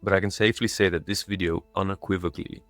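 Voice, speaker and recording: A video creator in his twenties, born and raised in Dubai in a Croatian family before moving to England as a child, delivers a scripted personal narration in a lightly self-mocking, tongue-in-cheek way. He talks fast in a low, fairly bright voice with steady tone and no room sound.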